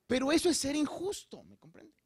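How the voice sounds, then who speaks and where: A man's voice: very high voice, a little fast, no echo. A male pastor preaching a sermon, talking straight to his congregation and checking in with them often. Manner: addresses the congregation directly with frequent check-ins; animated, preacherly delivery with rising emphasis. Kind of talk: Spanish-language sermon.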